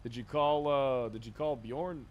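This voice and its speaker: A man playing a police chief in role-play chat, sarcastic and given to loud, profane outbursts. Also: mid-range voice, measured pace, highs cut off.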